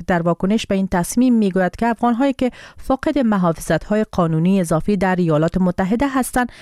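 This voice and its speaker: A woman presenting radio news in a measured, formal read. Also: lowish voice, darkish tone, dry recording, clean studio sound.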